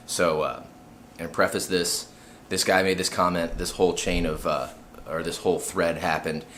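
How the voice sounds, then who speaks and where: A man's voice: sits low, steady tone, normal speed, fairly bright tone, slight background noise. A man, a musician, talking to camera in a laid-back, straightforward vlog. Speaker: musician vlogger. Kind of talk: casual vlog talk.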